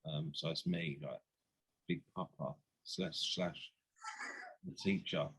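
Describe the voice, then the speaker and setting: A man's voice: rumbling low, steady tone, slow pace, fairly bright tone, breathy edge, rough recording. A man hosting a casual interview, chatty and teasing, with playful jokes. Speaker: podcast host.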